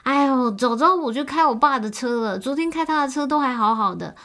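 A woman voicing a whiny, flustered young girlfriend who complains in high, loud exclamations. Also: lively intonation, brisk. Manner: whining, fussy, exclamatory.

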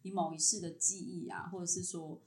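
A woman's voice: lowish voice, a little fast, echoey room. A woman telling a personal story in casual chat, acting out the lines of people in it. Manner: animated, acts out dialogue in her story. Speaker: podcast guest.

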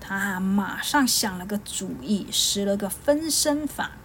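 A woman storyteller, reading a children's tale aloud in a lively way, stretching little particles between phrases. Her voice sits at an ordinary middle pitch. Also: slight background noise. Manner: lively, with many drawn-out particles. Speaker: podcast storyteller.

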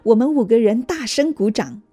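A woman reading a children's story aloud in a gentle, even manner. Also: a little high, normal speed. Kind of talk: scripted storybook narration.

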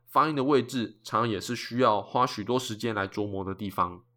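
A man, methodically explaining a cappella singing technique in a calm lesson. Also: mid-range voice. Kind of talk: explanatory lesson with sung examples.

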